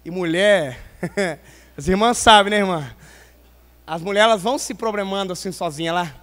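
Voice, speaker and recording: Male preacher, very high pitch, humorous storyteller, long hall reverb. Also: normal speed. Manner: playful, swings from loud emphasis to quiet asides. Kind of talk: pentecostal sermon with humorous stories. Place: large church hall.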